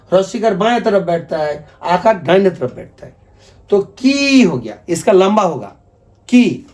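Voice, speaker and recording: A man's voice: high-pitched, a little mellow. A man whose first language is Bengali, teaching the alphabet in a patient, repetitive video lesson and asking viewers to repeat after him. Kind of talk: video lesson explaining script.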